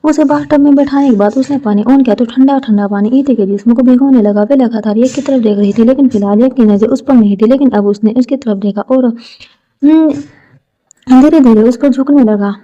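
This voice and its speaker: Woman storyteller, romance narration. Very mellow, fairly high voice, gentle steady read. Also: brisk. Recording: dull lo-fi recording.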